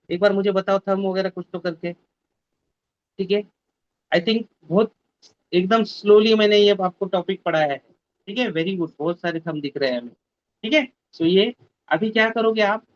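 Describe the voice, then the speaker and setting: A man's voice: high voice, no room sound, highs cut off. A man teaching a math lesson in an online class, mixing Hindi and English and repeating his instructions. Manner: mixes Hindi and English, repeats instructions, scolds students to mute mics. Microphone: video call.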